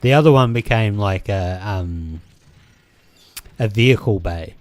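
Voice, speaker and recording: Speaking at a measured pace in a lowish, darkish voice, this New Zealand-accented man hosts a let's play with no room sound. His casual gameplay commentary wanders hesitantly between game moments, full of ums and restarts.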